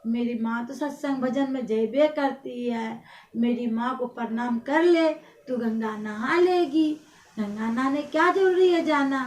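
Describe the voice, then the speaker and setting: A woman's voice: high-pitched, unhurried, a little mellow. A woman voicing a worried young husband who frets and pleads with his mother, recorded in a roomy space from a distance. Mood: chiding. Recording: roomy sound, mic at a distance.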